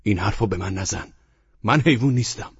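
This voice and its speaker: A man's voice: lowish voice, vocal fry, husky, dull audio, voice pushed up, full character voice. A man voicing a bitter, exasperated husband. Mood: bitter ranting. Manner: bitter, exasperated, rising outbursts. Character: agitated middle-aged man ranting about his wife.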